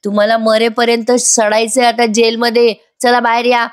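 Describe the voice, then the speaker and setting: A woman's voice: fairly high pitch, monotone, normal speed, pitched above the performer's own voice, natural voice. A commanding police officer ordering a suspect to come out, voiced by a woman. The lines are blunt orders.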